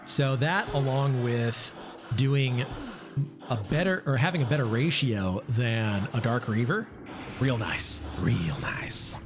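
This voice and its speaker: A man's voice: medium pitch, slow pace, music in the background. A man streaming live gameplay, chatting casually, thinking aloud and answering chat with lots of fillers. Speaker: game streamer.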